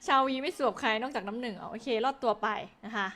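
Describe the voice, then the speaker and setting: A young woman streaming a game, chatting casually with viewers and reading their messages in a playful, teasing way. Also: fairly high pitch. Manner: playful and teasing, laughing often; excitable, repeating words quickly.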